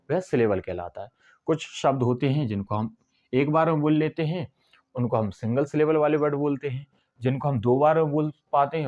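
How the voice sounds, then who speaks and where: A man teaching English basics in a whiteboard lesson, explaining step by step and drawing out syllables slowly. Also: medium pitch, a little mellow, lo-fi sound.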